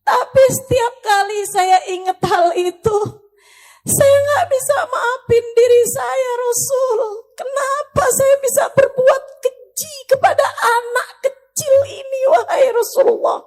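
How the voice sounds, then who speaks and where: A woman's voice: very high voice, sing-song, moderate pace, warm tone. Woman giving voice to an anguished weeping father. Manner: anguished, tearful confession. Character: grief-stricken man confessing a crime.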